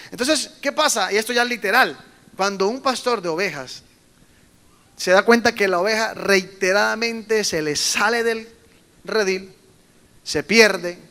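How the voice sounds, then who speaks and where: A middle-aged man preaching a sermon to young people, telling stories and acting out voices with emphatic bursts. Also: high voice. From Colombia. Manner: animated storytelling, acts out quoted voices, emphatic bursts. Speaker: pastor. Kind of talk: sermon to a youth meeting.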